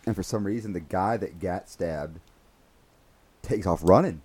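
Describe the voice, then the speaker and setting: An American man who used to be a police officer hosts a casual chat, telling stories with lots of energy and acting out other people's lines in their voices. His voice is low and husky, and his pace is measured.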